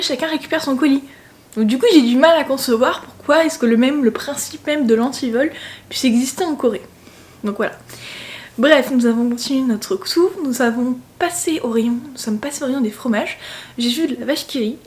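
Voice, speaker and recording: Chatty young woman, fairly high voice. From France. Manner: chatty, animated storytelling, playful asides. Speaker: travel vlogger. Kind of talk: casual vlog chat.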